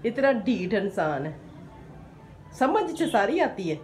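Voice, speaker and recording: A woman's voice: medium pitch, big pitch swings, takes it slowly, a little mellow, a little hiss or hum. A woman with a Pakistani Urdu accent, playfully teasing a toddler in a sing-song voice while filming a home vlog. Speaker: vlogger. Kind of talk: playful baby-talk narration to a child. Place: home during a power cut.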